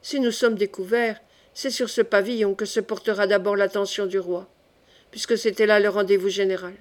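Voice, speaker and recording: A woman voicing La Mole, an earnest romantic young nobleman who reasons calmly and stubbornly, in an audiobook reading. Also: medium pitch, moderate pace, close to an everyday voice. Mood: resolute.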